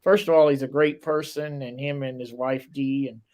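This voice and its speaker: A man's voice: medium pitch, steady tone, normal speed, a little mellow. A man hosting a casual interview, talking with admiring enthusiasm and rambling, restarting sentences. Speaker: interview host.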